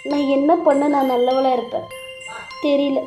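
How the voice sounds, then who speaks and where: Woman as kind young wife, high pleading voice, dark mellow tone, cartoon serial. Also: flat delivery, normal speed, soft background music, poor audio. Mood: sorrowful. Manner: pleading, soft and emotional.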